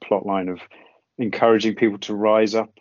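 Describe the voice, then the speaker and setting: A man co-hosting a podcast muses about films in a low voice, hesitating and trailing off as he thinks. The recording is dry and close, with a dull, lo-fi tone. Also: level tone, brisk, no echo. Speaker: podcast co-host. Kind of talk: casual film chat.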